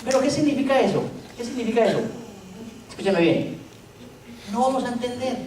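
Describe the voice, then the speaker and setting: A man's voice: extremely high pitch, lively intonation, brisk. Joking male pastor in an echoey hall. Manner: joking, storytelling preacher with rhetorical questions. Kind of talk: sermon. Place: church hall. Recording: echoey church hall, distant mic, faint noise.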